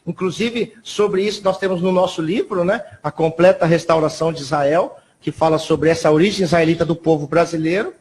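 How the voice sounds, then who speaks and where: Male guest historian from São Paulo, fairly high voice, soft measured explainer. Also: a little hiss or hum. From São Paulo, Brazil. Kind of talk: TV interview guest. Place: TV studio.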